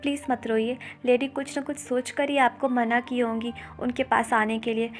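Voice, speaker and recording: A woman's voice: a little high, little pitch movement, faint music behind, close to an everyday voice. A woman voicing a loyal male guard who coaxes his young master in a story recap. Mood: consoling. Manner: slow, coaxing.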